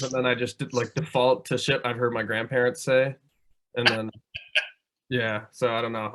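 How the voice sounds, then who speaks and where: A man with a Minnesota accent hosting a podcast over a video call, rambling and profane and quick to laugh. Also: mid-range voice, bright, forceful tone. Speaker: podcast host. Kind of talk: casual podcast chat.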